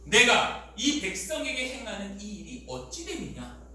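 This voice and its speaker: A preacher voicing weary old Jethro. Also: male voice, very high voice, very animated, measured pace, sharp tone, recorded from a distance, a little hiss or hum, heavily acted. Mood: puzzled. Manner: tired, questioning. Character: weary older male father-in-law Jethro. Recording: echoey hall, voice off mic.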